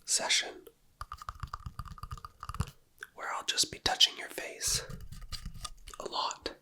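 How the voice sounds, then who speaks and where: An ASMR creator whispering softly into stereo microphones, drifting from one ear to the other in a room at home. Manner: slow soft whisper, moving from ear to ear. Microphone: stereo microphones close to the mouth.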